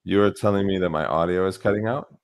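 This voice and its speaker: A man's voice: low voice, fairly quick, a little hiss or hum. A man hosting a live video chat, talking casually with fillers and restarts while his audio cuts in and out, leaving the volume uneven. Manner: thinks aloud with fillers and restarts. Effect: audio cutting in and out, uneven volume. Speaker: livestream host.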